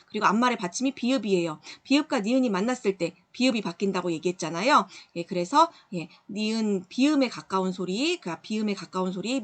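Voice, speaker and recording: A woman's voice: medium pitch, a bit bright. Patient woman teaching a lesson. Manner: patient, explanatory, checks in with "그쵸?" and "예". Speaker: middle school Korean teacher. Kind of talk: recorded online lesson, working through exercises.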